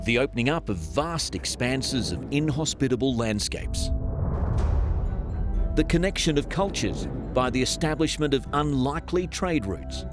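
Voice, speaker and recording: A male narrator delivers a scripted documentary voice-over. His pitch is mid-range and moves expressively through the sentences, with music clearly playing underneath. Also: sing-song, moderate pace.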